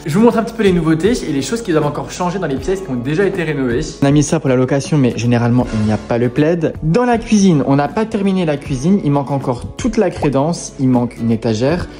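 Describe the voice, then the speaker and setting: A man with a warm, fairly high voice talks fast and with lively intonation, barely pausing, while showing off the apartment he's renovating. Soft music sits behind his casual walkthrough narration to camera.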